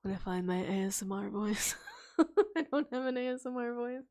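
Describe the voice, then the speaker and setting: Woman storyteller on a live stream, voice getting worn, keeps it soft and chatty, a bit high-pitched. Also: expressive, normal speed. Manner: chatty, laughs often between readings; softer, less forceful delivery to rest the voice. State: voice getting tired. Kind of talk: live-stream reading of character backstories.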